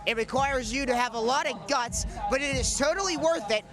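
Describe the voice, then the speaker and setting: Over loud background music, a young American man speaks in a very high, brisk voice. He is a student covering sports and news and interviewing people, using a presentational, announcer-style broadcast delivery; he's a young adult.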